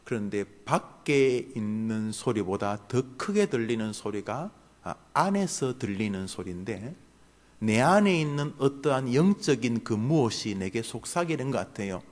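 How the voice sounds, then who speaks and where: A man preaching as pastor, swinging between low murmured lines and loud exclaimed ones as he acts out harsh inner voices. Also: lively intonation, normal speed. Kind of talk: sermon.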